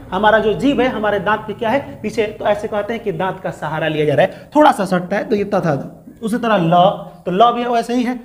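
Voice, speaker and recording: A male teacher, giving a step-by-step grammar lesson to students and answering his own questions as he goes. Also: sits high. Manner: explains step by step, asks questions and answers them.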